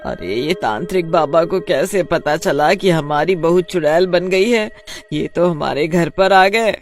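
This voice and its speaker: Old mother-in-law played by a man, high whiny voice, nagging, cartoon story. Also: expressive, a little slow, soft background music. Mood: frightened.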